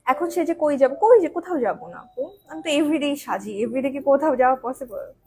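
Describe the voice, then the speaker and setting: A woman with a hoarse voice, talking loudly in casual chat while doing a makeup tutorial on a live stream. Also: high voice, lively intonation, brisk. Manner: talks loudly, habitually projecting her voice. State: hoarse from daily loud talking.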